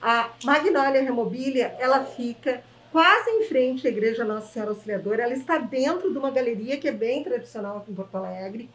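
A woman's voice: a little high, brisk, few pauses, fairly bright tone, roomy sound, far from the mic, low-quality recording. A woman from southern Brazil with a Gaúcho accent, hosting a TV show and chatting enthusiastically with a shop owner, often tagging her sentences with "né?". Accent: Gaúcho Brazilian Portuguese. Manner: effusive, chatty, keeps asking "né?". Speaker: TV show host. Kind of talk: enthusiastic on-location interview. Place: inside a small shop.

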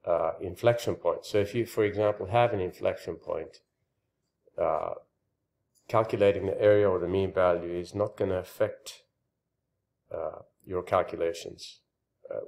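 Low-voiced man lecturing on math. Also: darkish tone. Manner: halting, with frequent "uh" and restarts. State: slightly out of breath. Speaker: math channel host.

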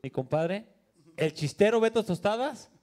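A man cohosting a comedy talk show with a very high voice. He jokes around in a laid-back way and keeps the chat loose. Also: animated, moderate pace, darkish tone.

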